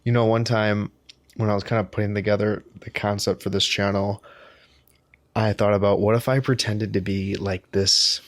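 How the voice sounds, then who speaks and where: A man's voice: on the low side, flat delivery, moderate pace, no room sound. A tired man vlogging to the camera in a rambling, self-deprecating way, often restarting his sentences. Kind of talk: casual talk to camera.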